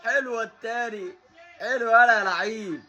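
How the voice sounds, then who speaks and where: Man, Egyptian accent, excited match reaction, cheering and mocking, high pitch, bright tone. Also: fairly quick, muffled recording. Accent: Egyptian Arabic. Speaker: football fan reacting to a match.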